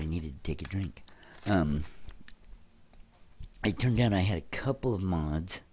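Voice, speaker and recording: A young man hosts a let's play, chatting casually and directly with viewers in a bass voice that is darkish and slightly rough. He sounds stuffy and congested throughout his gameplay commentary.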